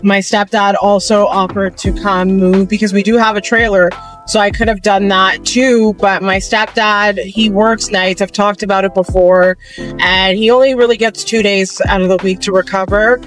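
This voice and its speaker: A woman's voice: medium pitch, fairly even intonation, moderate pace, soft background music. A woman chatting casually to her viewers as she vlogs from a cluttered bedroom at home, talking in a loose, rambling way into a handheld phone. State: a little out of breath at times. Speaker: vlogger. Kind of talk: casual vlog chat.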